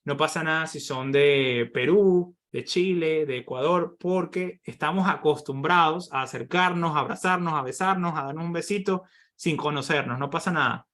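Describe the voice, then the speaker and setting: A man from Venezuela teaching an online workshop on presentation skills, explaining points and often tagging sentences with quick questions to his audience. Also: on the high side, fairly bright tone. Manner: explanatory, with many rhetorical tag questions. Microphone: computer microphone on a video call.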